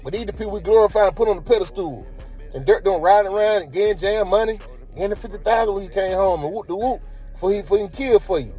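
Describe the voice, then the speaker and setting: High-voiced man with mellow tone. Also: fast, breathy edge, soft background music. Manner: slangy, rhetorical, asks viewers questions. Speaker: commentary channel host. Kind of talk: casual commentary vlog.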